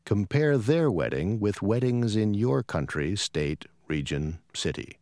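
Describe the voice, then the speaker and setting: Male textbook announcer, low lively voice, clear instructions, dry studio sound. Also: measured pace, no room sound. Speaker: course announcer.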